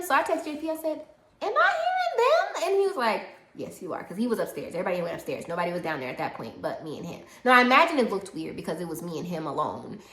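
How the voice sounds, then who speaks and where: A woman telling a personal story in casual chat, animated and laughing, acting out the people she quotes. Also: fairly low pitch. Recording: roomy echo.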